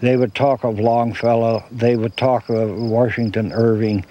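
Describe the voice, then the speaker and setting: An older American man with a medium-pitched voice recounts memories like a storyteller. He repeats phrases for emphasis. Loud outdoor ambience with insects surrounds his voice. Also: little pitch movement, unhurried, lo-fi sound, slight background noise. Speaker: interviewee. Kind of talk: oral-history storytelling.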